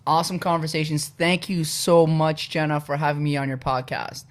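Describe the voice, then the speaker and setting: A young adult man from Poland, a podcast guest talking through his personal story in a relaxed, casual way, with frequent "uh" and "you know". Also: fairly high pitch, normal speed.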